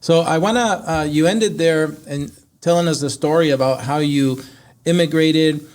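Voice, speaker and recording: A podcast host, a man whose first language isn't English, conducts a conversational interview. His voice is fairly high and slightly dark, moving at a normal speed.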